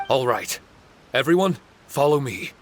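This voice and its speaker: Shiki Taisho, a forgetful shikigami. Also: male voice, mid-range voice, sing-song, a little slow, a little hiss or hum. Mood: earnest. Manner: searching and hesitant when recalling. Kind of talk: game cutscene voice acting.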